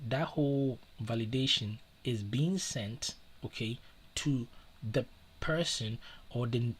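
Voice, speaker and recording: Earnest husky man giving live advice. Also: on the low side. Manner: earnest, repetitive, many fillers and restarts. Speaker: livestream host. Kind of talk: casual live-stream advice talk.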